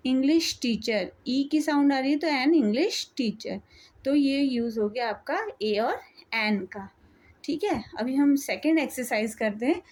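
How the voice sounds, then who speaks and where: A woman teaching an English grammar lesson to children, asking questions and answering them herself, and reading the English examples out slowly. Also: high-pitched, a little mellow.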